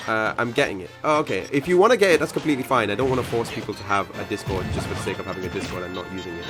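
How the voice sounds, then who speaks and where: A man with a fairly low voice hosts a live game tournament stream and chats casually with his viewers. He rambles, fills pauses with ums and uhs, and corrects himself mid-sentence. Loud game music plays behind him. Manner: rambling, frequent fillers and self-corrections.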